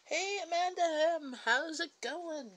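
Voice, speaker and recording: Her voice is extremely high with a fairly bright tone, and she speaks at a measured pace. As a livestream host, this Canadian woman chats casually in her home kitchen with a Canadian English accent, reading out viewer comments, answering them and laughing in between.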